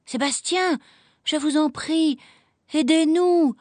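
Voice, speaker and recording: A woman voicing a sweet, gentle young girl in a storybook reading, with a soft, pleading tone. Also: high-pitched, slow pace, dry recording, pitched above the performer's own voice.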